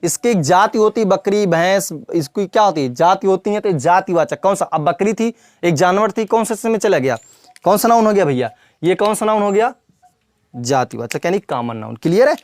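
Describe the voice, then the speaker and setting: A man's voice: high-pitched, expressive, moderate pace, no echo, studio quality. A man teaching English grammar in a classroom lesson, repeating points and quizzing the viewer with questions, calling them brother and child.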